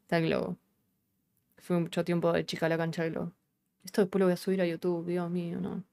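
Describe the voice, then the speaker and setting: Quick and monotone, a woman with a Rioplatense Argentine accent chats through a casual live coding session, thinking aloud and swearing offhandedly. Her voice is on the low side, gravelly yet warm.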